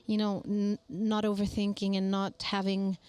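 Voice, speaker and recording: A woman's voice: medium pitch, completely flat delivery, normal speed, a little mellow, smooth. A woman in her thirties from Greece, speaking English with a Greek accent as a guest in an interview, thoughtful and searching for words. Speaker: singer guest. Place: small mobile studio at a festival.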